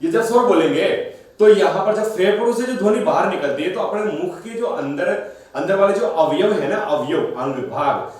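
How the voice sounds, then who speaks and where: A man's voice: high-pitched, animated, normal speed, a little mellow. A man teaching Hindi grammar in a repetitive way, asking questions aloud and answering them himself. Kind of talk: classroom-style recorded lesson. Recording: very echoey room, voice from a distance.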